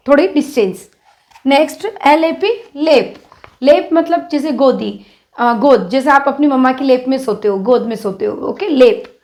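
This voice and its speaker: A woman's voice: sits high, a little mellow. A young woman with an Indian English accent teaching children phonics, spelling words out letter by letter in a patient, coaxing way. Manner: slow, drawn-out letter-by-letter spelling.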